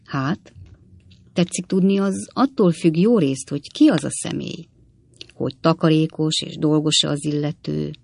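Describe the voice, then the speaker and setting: A fluttering, eager widowed landlady from a storybook reading, as the reader puts her on. The voice is gravelly and the sound dry and close. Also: medium pitch, no echo. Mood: flustered.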